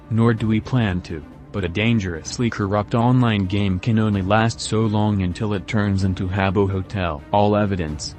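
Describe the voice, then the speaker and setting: A man's voice comes through a disguised deep voice, pitched low. He reads a scripted statement in a formal, stern and accusing manner, as an anonymous activist spokesman. Faint music plays behind him. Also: a little mellow.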